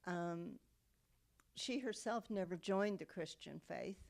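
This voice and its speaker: A woman's voice: on the low side, takes it slowly, creaky, darkish tone. Older woman telling family history. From United States. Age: 70s. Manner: reflective storytelling with frequent um and okay. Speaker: interviewee. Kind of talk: oral history interview.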